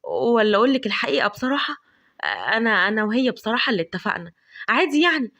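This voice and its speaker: A woman's voice: on the high side, animated, very fast, bright, forceful tone, highs cut off. A woman with an Egyptian accent voicing an easygoing young man in a storybook tale, speaking in an offhand, sheepish way.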